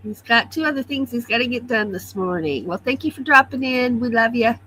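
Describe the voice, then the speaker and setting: A slightly stuffy-sounding livestream host reads viewer comments during a casual morning chat from her home computer, greeting people one by one. Her voice is a little high, brisk, and sharp, with lively intonation. The audio is poor and slightly rough.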